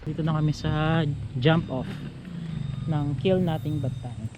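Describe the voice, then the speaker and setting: A man's voice: fairly high pitch, a little slow, noisy background. A man talking casually as a travel vlogger on a mountain trail, joking at his own expense and laughing often, out of breath from the climb. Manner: chatty, laughs often, jokes at himself. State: out of breath while hiking. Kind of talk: casual travel vlog narration.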